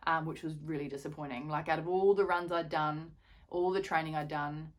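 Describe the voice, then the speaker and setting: A woman's voice: low-pitched, fairly even intonation, fairly quick. A woman in her thirties telling a story in a chatty, rambling vlog with many fillers and restarts. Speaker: fitness vlogger.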